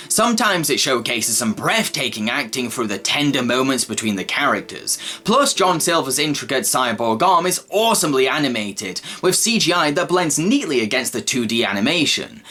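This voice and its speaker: A man's voice: mid-range voice, very animated, normal speed, hardly any pauses, sharp tone. A man narrating a scripted film review. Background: faint background music.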